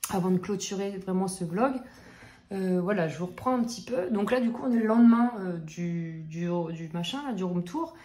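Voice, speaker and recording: A French coloring vlogger in her thirties, who has a cold, rambles casually in her home office room, full of fillers and restarts. Her voice is medium-pitched and mellow at a normal speed.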